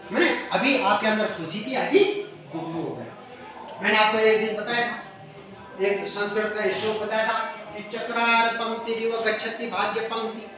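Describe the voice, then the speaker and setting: A high-pitched male teacher speaks, coaxing his pupils with question after question. He is heard from across an echoey classroom. Children murmur around him. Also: recorded from a distance. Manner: call-and-response questioning of pupils. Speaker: schoolteacher. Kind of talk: classroom poetry explanation. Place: village school classroom.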